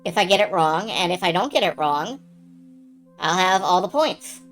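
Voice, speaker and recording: A woman's voice: fairly low pitch, expressive, moderate pace, fairly bright tone, rough recording. A woman giving casual, sweary game commentary as a let's play host, narrating her own moves as she goes. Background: game music.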